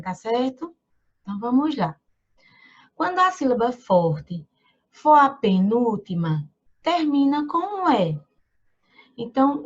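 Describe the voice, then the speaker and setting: A woman teaches small children over a muffled computer mic. She speaks slowly and patiently, her slightly high voice rising and falling in a lively sing-song. She stretches out syllables as she sounds out words. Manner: slow, patient, sing-song teacher talk with frequent tag questions. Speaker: primary school teacher. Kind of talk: online lesson for young children. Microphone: computer mic during screen share.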